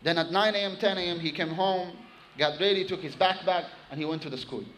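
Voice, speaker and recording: A man with a high, light voice delivers an animated sermon, pressing hard on key words and racing through recited Arabic. A faint hum of noise sits under the recording. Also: rough recording. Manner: animated, emphatic preaching, recites Arabic quickly. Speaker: preacher. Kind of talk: sermon with storytelling.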